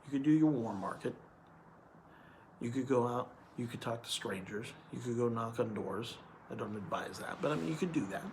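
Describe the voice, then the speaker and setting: Male hiring manager, gravelly tone, earnest, repetitive explainer; noisy background. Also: mid-range voice, animated, moderate pace, a little mellow. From California. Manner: earnest, repeats points with "okay?". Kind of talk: explainer video monologue.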